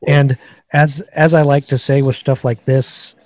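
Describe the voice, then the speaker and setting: A man's voice: mid-range voice, level tone, a little slow, a little mellow. A man hosting a casual podcast chat, reading off rifle features and specs. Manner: chatty, reads off product specs. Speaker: podcast host. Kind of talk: casual gun review chat.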